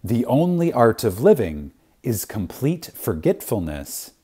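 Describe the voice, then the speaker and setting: A man with a mid-range, warm, slightly rough voice reads an inspirational spiritual lecture in a sing-song manner. He sounds reverent and dramatic, leaning on long pauses and firm emphasis.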